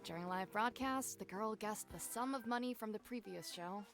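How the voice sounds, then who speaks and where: Game VO: actress as a composed, disdainful woman violinist, gravelly edge, mid pitch. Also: over music, natural voice. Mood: wry. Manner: measured storytelling with dry disdain. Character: composed adult female violinist, wry and proud. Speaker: violinist character. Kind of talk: voiced game dialogue.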